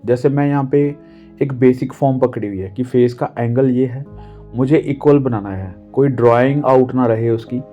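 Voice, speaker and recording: A man's voice: mid-range voice, moderate pace, warm tone. Hindi-speaking man teaching drawing, lo-fi. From India. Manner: patient, step-by-step explaining with fillers. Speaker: art teacher. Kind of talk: drawing tutorial talk. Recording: dull lo-fi audio with faint music. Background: faint background music.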